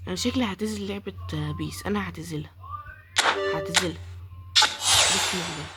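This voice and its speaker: A woman's voice: lowish voice, fast talker, very noisy. A woman with an Egyptian accent giving live gameplay commentary, pleading and complaining about her luck as she opens each pack. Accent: Egyptian Arabic. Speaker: gaming YouTuber.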